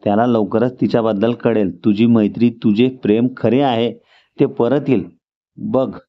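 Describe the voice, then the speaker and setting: A man reading the lines of a young woman who gently reassures her crying friend. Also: mid-range voice, fairly even intonation, moderate pace, natural voice. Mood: reassuring. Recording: dull lo-fi recording.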